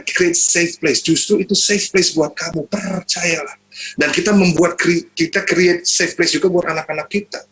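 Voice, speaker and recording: A man's voice: on the high side, low-quality recording. A young man, a youth pastor, preaching in casual slang mixed with English and acting out quotes. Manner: animated preaching, acts out quotes, swings between loud and soft. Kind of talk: lively sermon mixing casual slang and English.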